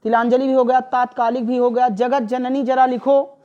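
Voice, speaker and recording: A woman teacher taking a classroom spelling lesson, saying each word slowly and over again and putting questions to her students. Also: sits high, little pitch movement, mellow, lo-fi sound. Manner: drills words by slow repetition, asks the class questions.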